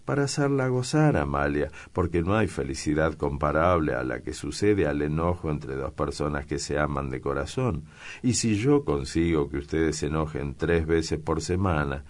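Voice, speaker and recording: Witty young teaser, read by a man, very deep voice, playful bantering lines in a storybook reading. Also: lively intonation, moderate pace. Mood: teasing. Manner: bantering, mischievous.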